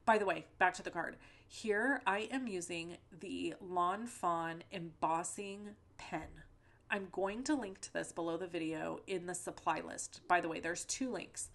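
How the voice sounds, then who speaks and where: This card-making channel host, a middle-aged woman at home, speaks a little slowly in a lowish, fairly bright voice. She rambles conversationally through her crafting voice-over, sharing personal stories with plenty of fillers and asides, her nose a bit stuffy from a cold that hasn't quite cleared.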